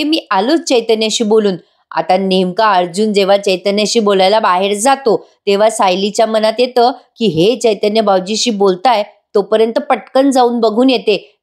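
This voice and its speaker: A woman's voice: mid-range voice, a little mellow. A woman hosting a casual recap of a TV serial, chatting to her viewers. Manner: chatty, addresses viewers, laughs often.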